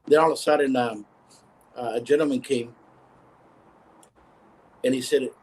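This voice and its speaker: A man, the founder of a cigar company, telling stories in a relaxed live interview, animated and often restarting his phrases. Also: medium pitch, normal speed, breathy edge, poor audio. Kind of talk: casual storytelling in a live interview.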